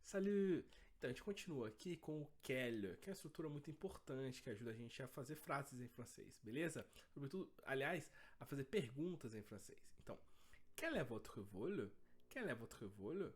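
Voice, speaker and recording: Male language teacher, very lively intonation, keeps checking in with the class. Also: medium pitch, fairly quick. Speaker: French teacher. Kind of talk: language lesson.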